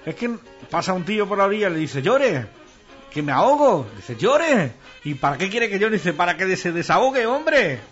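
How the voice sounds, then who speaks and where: Bantering guy cracking jokes, kinda high voice, dull lo-fi audio with faint music under it. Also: sing-song, normal speed, a bit bright. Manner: playful, bantering, acts out joke voices. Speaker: co-host telling jokes. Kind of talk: casual joke-telling contest.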